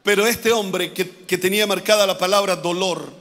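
A male pastor, preaching a fervent sermon that keeps repeating and building to shouts. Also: high-pitched, steady tone, normal speed, in a large hall. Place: church.

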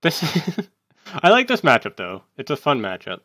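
A man giving casual gameplay commentary, thinking aloud as he plays and breaking into sudden excited outbursts. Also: on the high side, normal speed, no room sound, studio quality. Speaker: gaming YouTuber.

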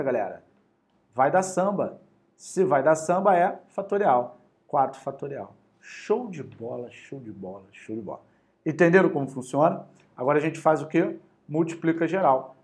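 A male math teacher with a Carioca accent runs a high-energy exam-prep lesson. His voice sits a bit high for a man, and his talk is lively, slangy and full of encouragement as he counts through each step aloud. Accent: Carioca Brazilian Portuguese.

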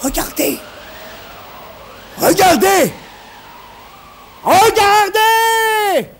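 A man voicing a male engineer gone wild with triumph, shouting high and strained. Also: expressive, very slow, a little hiss or hum, full character voice. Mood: frenzied triumph.

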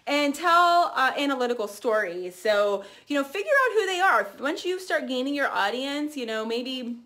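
A woman in her thirties talks straight to camera, coaching her team in a loose, chatty way. Her voice sits a little on the high side, and she keeps going with fillers and quick restarts as her energy carries her along. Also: expressive, bright, forceful tone. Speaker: team trainer. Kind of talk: casual training talk to camera.

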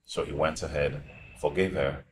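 A recently divorced man with a Nigerian accent, chatty and amused, often laughing as he talks. His voice sits extremely low. The sound is roomy and echoing, with clear background noise. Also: fairly even intonation, moderate pace. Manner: conversational, laughs between remarks. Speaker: boss's friend confiding in a young employee. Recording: echoey room with background noise.

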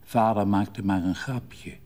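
An older man voicing a calm, gloomy mother who speaks quietly and soothingly. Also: lowish voice, slow pace.

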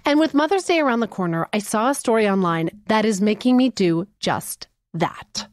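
A woman hosting a podcast, talking in a quick, animated and joking way. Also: mid-range voice, no echo, studio quality. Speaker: podcast host. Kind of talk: casual comedic chat.

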